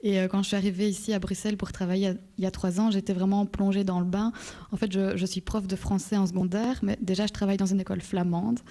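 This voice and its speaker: A young woman from southern Belgium, a secondary school teacher, speaks as a radio guest. Her voice is mellow and fairly flat in pitch, and she speaks earnestly and fluently. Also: fast talker. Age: young adult. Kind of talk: radio panel discussion.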